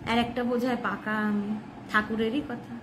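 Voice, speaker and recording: A woman's voice: fairly high pitch, level tone, moderate pace, noisy background. A woman with a Bengali accent giving a devotional talk, earnest and explanatory, asking questions and answering them herself. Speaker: devotional speaker.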